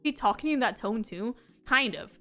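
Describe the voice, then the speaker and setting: Young woman vtuber rambling through stories, high voice, lots of giggles. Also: animated, moderate pace, pushed and bright, soft background music. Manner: rambling and giggly, with frequent laughs and filler words. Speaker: VTuber streamer. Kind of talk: casual chat stream, storytelling.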